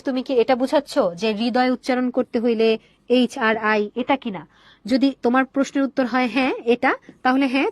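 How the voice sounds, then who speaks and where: A woman's voice: on the high side, dry recording. A young woman teaching a poem in an online class, asking questions and answering them herself and mixing in English words. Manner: mixes English words into her explanation.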